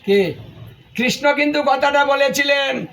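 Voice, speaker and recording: A man's voice: very high voice, unhurried, creaky, fairly bright tone, faint music behind. A male preacher giving a devotional sermon, emphatic and full of rhetorical questions.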